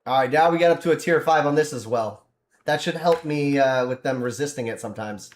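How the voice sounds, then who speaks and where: A man's voice: medium pitch, brisk, reverberant. A man casually chatting while streaming a game, rambling and laughing often as he plays.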